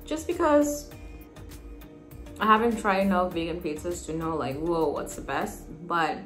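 Young woman, unhurried food vlogger, speaking with her mouth full of pizza. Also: fairly low pitch, over music. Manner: chatty, frank. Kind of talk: casual food review.

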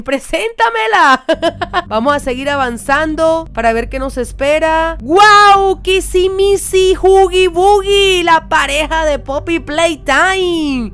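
A young woman with a very high voice gives animated reaction commentary, calling out to her viewers again and again. Faint music plays under her talk. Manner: animated, keeps addressing viewers as friends. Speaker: YouTuber reacting to a game video.

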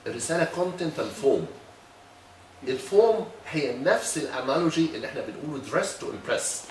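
Fast-talking Egyptian man examining a thesis. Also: on the high side, big pitch swings, distant mic, slight background noise. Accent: Egyptian Arabic. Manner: lecturing, probing with rhetorical questions. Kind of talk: critiquing a thesis defense. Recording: echoey room, voice from afar.

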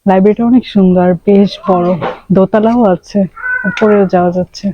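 A woman's voice: mid-range voice, steady tone, fairly quick, highs cut off. A young woman from Bangladesh gives chatty running commentary for her daily vlog, slipping English words into her speech as she films on a handheld phone. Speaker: vlogger and mother. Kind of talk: casual daily vlog narration. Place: outdoors in winter and inside a library.

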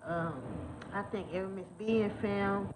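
A woman's voice: medium pitch, moderate pace. A woman in her thirties chatting casually to her viewers, with lots of ums and y'alls, recorded on a phone held at arm's length. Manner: chatty, many ums, says y'all often. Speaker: vlogger, mother of twins. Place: indoors at home, then outdoors walking. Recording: noisy phone recording with ambience.

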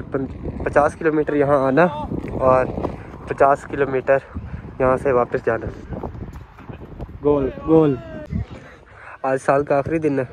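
A man vlogging in a casual, chatty and self-mocking way, recorded on a phone camera outdoors. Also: medium pitch. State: unwell for two weeks. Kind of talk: casual vlog narration. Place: outdoors, on roads and a football ground. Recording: outdoor traffic and wind noise.

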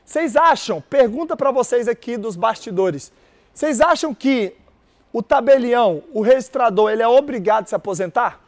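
Male teacher with a very high voice, energetic lecturer who keeps quizzing the room. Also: normal speed. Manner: energetic, repeats key words, quizzes audience. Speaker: exam prep teacher. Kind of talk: live-streamed lecture with call-and-response.

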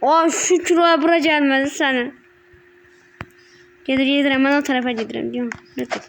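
A woman giving casual gameplay commentary, excitable and breaking into high yelps and repeated shouts. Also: a little fast, vocal fry. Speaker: gaming channel host.

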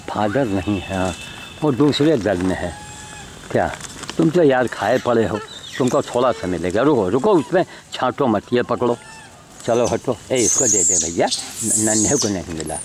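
Slow, lively-voiced man coaxing animals outdoors. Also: medium pitch, slight background noise. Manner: coaxing, calls and shoos animals, chatty asides to camera. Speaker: vlogger feeding animals. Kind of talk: outdoor handheld vlog narration. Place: outdoors, rural spot with animals.

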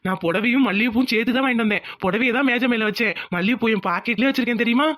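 Woman doing a cartoon village husband, begging his wife, fast and earnest. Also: on the high side, fairly bright tone, natural voice. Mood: tender. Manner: pleading, coaxing.

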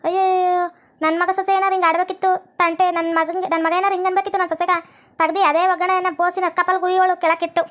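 A woman playing a meddling, deaf old village woman in a comic family skit, with a North Karnataka Kannada accent and a shrill, nagging, melodramatic way of talking. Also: little pitch movement, quick pace, fairly bright tone. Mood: indignant.

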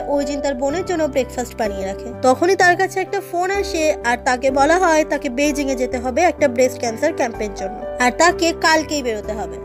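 A woman narrating a film recap in a brisk, even storytelling manner. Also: sits high. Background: faint background music.

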